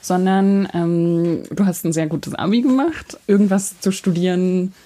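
A woman's voice: on the low side, unhurried, mellow. A woman hosting an interview, attentive and affirming, with frequent short backchannels. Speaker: interviewer, host. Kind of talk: conversational interview.

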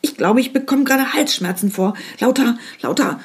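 A woman reading aloud voices the disembodied inner voice of envy in a hushed whisper. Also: on the high side, expressive, moderate pace, slightly rough, pitched above the performer's own voice. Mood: jealous whisper. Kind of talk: audiobook reading.

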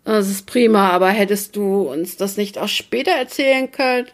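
A woman's voice: mid-range voice, moderate pace, close to an everyday voice. A woman voicing a half-asleep, grumbling young man in a storybook reading. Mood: sleepy. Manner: sleepy, grumbling.

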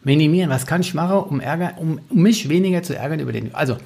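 Fast-talking gravelly male coach. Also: a little high, lively intonation, a little mellow. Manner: colloquial, blunt, with frequent "ne?" tags. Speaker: communication coach. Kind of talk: conflict coaching talk.

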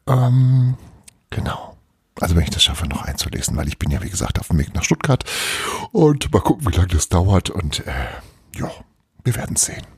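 A man narrating a children's storybook in an expressive, lively way, hosting an advent podcast. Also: low-pitched, husky, no room sound, studio quality.

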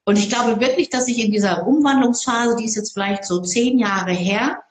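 A woman who speaks on stage, telling stories in an interview in a lively, expressive way. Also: a little high, normal speed, reverberant. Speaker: public speaker. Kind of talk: interview conversation.

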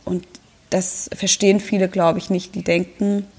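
A woman coach with her own practice, talking in a relaxed podcast conversation, reassuring and acting out little inner voices. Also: lowish voice, moderate pace, slightly rough.

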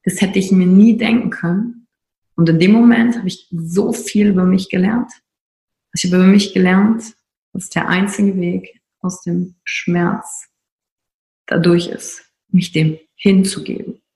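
Woman speaker, gravelly voice, emphatic confessional storytelling, echoey room. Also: on the low side, fairly even intonation, a little slow, dark tone. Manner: emphatic, confessional, with repeated phrases for stress. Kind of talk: personal motivational storytelling.

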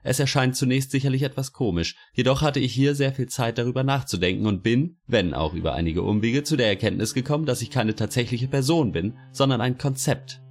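A man's voice: medium pitch, big pitch swings, brisk, pitched above the performer's own voice. A man voicing a touchy, pompous old male official in a spoken story.

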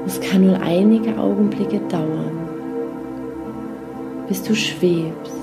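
Slow, soothing woman guiding meditation like sleep stories. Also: medium pitch, gravelly. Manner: soothing, unhurried, short phrases with long pauses. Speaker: meditation guide. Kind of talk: guided meditation in the manner of a sleep story narrator. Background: new-age music.

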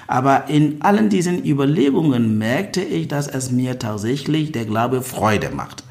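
A man's voice: medium pitch, very animated, unhurried, vocal fry, darkish tone. Priest in his fifties, reflective. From Ghana. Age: 50s. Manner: reflective, searching for words. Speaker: priest in a religious order, guest. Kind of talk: personal interview.

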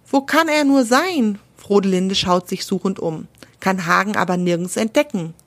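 A woman's voice: mid-range voice, no room sound. A woman narrating a children's animal story, stopping to explain words to young listeners.

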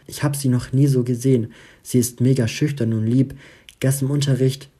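A man's voice: medium pitch, fairly even intonation, brisk, dark tone, natural voice. A man doing an easygoing young guy. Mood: casual.

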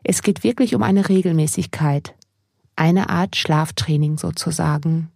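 Female sleep meditation narrator for a mindfulness podcast: mellow, dark timbre, slightly husky, gentle and unhurried, close dry sound. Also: sits low, no echo. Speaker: podcast host, mindfulness coach.

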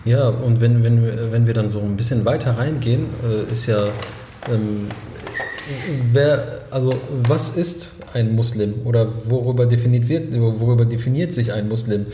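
A man's voice: medium pitch, fairly even intonation, moderate pace, dark tone, echoey room, slight background noise. A man co-hosting a casual talk show, hesitant and searching for words with many restarts. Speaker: podcast co-host. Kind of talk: casual discussion.

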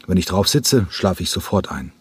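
A man's voice: low-pitched, animated, moderate pace, slightly rough, no room sound, exaggerated voice. A man reading an audiobook, voicing a driven male ballet director who talks in a pressing, emphatic, impatient way. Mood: playful, explaining.

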